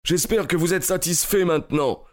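Man doing indignant old squire, high and pushy, protesting. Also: expressive, measured pace. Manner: raised, impatient, protesting. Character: indignant older man, a gruff country squire.

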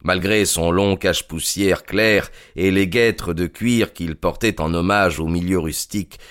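Low-voiced male storybook narrator. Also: measured pace, fairly bright tone, dry recording, studio quality. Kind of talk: audiobook narration.

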